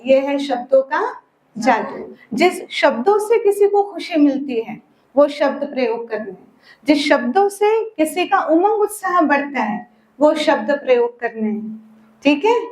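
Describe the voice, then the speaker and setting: High-pitched woman teaching kids at a camp, keeps asking them little questions, sing-song. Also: a little mellow. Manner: asks the children quick questions and waits for answers. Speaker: spiritual teacher at a children's summer camp. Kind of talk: storytelling lesson for children.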